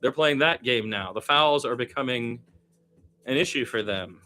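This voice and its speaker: Calling a basketball game live, an amateur radio announcer gets animated over the plays, then drifts into wry, musing, rambling asides. His voice is medium-pitched at a normal speed, with faint music behind him.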